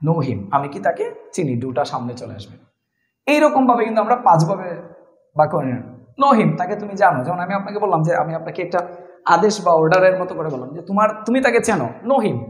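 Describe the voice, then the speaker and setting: A man's voice: sits high, expressive, fast talker, reverberant, low-quality recording. A man teaching a spoken English lesson in Bengali, explaining step by step and spelling words out letter by letter.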